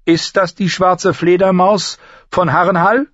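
A man's voice: sits high, steady tone, fairly bright tone, dry recording, lo-fi sound, pitched above the performer's own voice. A man voicing a composed noblewoman who speaks formally and with resolve in an audiobook. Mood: resolute. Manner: formal, measured.

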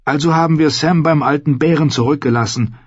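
A man voicing a guilt-ridden young male recruit who talks in a rushed, pressing way. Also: on the high side, breathy edge, dry recording, muffled recording, pitched above the performer's own voice. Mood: distraught.

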